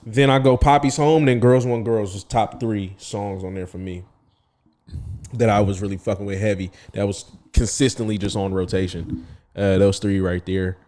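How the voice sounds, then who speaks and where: A man's voice: on the low side, fairly even intonation, moderate pace, darkish tone. A man co-hosting a podcast in casual chat, talking loosely with lots of fillers and swearing. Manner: loose, profane, many "like" fillers. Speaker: podcast co-host.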